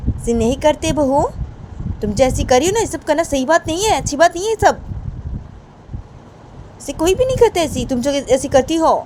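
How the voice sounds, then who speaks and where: A woman's voice: high-pitched, a little mellow, a little hiss or hum, pitched above the performer's own voice, rough recording. A woman doing a stern scolding mother-in-law. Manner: repetitive, lecturing.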